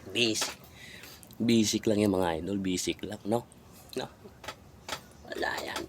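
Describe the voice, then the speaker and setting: A man eats on camera and talks to his viewers in unhurried, drawn-out phrases between mouthfuls. His voice sits on the low side. He taunts and teases with mocking little hums. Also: background noise. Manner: taunting, teasing viewers with repeated "hmm?"; talks between bites while chewing. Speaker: mukbang vlogger. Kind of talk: eating on camera, talking to viewers.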